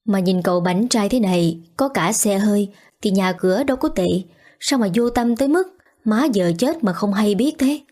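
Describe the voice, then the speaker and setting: A blunt old village man in a spoken storybook, as a woman voices him, slow and reproachful. His words are plain and scolding. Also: medium pitch, warm tone, close to an everyday voice.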